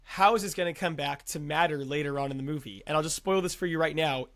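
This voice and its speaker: A man co-hosting a podcast, reviewing a horror film in a casual, sarcastic way that often trails off into low mumbles. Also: fast, a bit bright. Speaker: podcast co-host.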